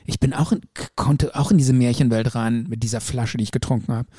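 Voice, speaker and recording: A man voicing a female coworker in a low, subdued, mumbly tone. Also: fairly even intonation, brisk, dark tone, husky, dry recording, studio quality, close to an everyday voice. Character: female coworker, calm and matter-of-fact.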